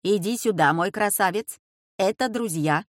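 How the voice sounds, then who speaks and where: A woman reading a storybook, voicing a male servant who squeaks coaxingly, like an old toothless woman. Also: normal speed, no echo, studio quality, close to an everyday voice.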